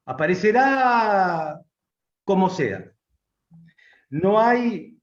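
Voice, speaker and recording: A man speaking Argentine Spanish, giving a measured, reflective answer at a public talk, pausing and restating his phrases. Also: high voice. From Romania, raised in Argentina. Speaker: guest philosopher. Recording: echoey, dull lo-fi room sound.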